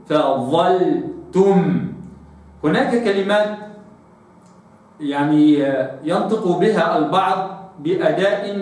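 A man gives a pronunciation lesson for Quran recitation, drawing model words out slowly and explaining in between. His voice sits fairly high for a man. It rings through a very reverberant room, picked up from some distance. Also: a little mellow. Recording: very echoey room, voice off-mic.

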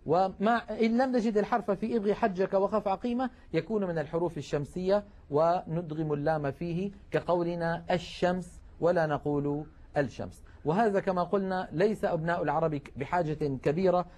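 Patient male tajweed teacher, slightly high voice. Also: fairly quick, darkish tone. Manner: patient, explanatory, with frequent hesitations. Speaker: Quran recitation teacher. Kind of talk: broadcast lesson on tajweed.

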